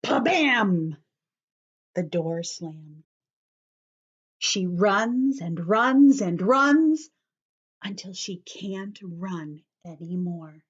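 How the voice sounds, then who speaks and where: With a lowish, husky voice, lively intonation, drawn-out words and long pauses, a storyteller reads a picture book to small children. She explains words as she goes and drops to a whisper at times, on lo-fi audio.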